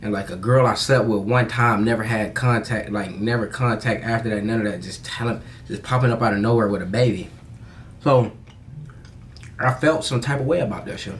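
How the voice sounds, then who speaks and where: A young American man with a fairly low voice talks casually, as if confiding in viewers on a personal vlog. His delivery is candid and halting, full of slang and swearing. Some light noise sits behind the voice. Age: young adult. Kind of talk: casual confessional vlog storytelling.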